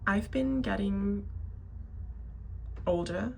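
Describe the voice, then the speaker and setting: This video creator, a woman in her thirties, addresses viewers in an off-the-cuff vlog monologue, hesitant and rambling, often doubling back to fix what she said. Her medium-pitched voice is gravelly and slightly mellow, with drawn-out words. A faint hiss or hum is audible.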